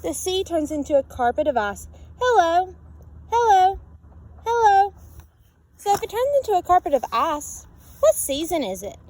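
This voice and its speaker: Her very high voice moves at a moderate pace, and she pauses often as she reads a picture book to children expressively, repeating lines in a sing-song way and posing questions to her audience. The low-quality recording carries steady background noise.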